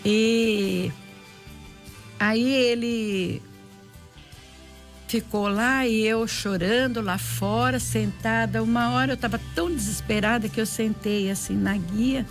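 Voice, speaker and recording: Woman, Brazilian Portuguese accent, emotional faith testimony, fairly high voice, faint music behind. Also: takes it slowly. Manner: heartfelt, repetitive, often reenacts dialogue and prayers. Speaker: interviewee giving a personal testimony.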